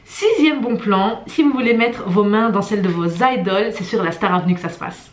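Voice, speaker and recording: A woman's voice: medium pitch, a little fast, echoey room. A woman co-hosting a travel vlog, presenting tips in a lightly scripted, casual way. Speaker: travel vlogger. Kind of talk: casual guide talk with a co-host.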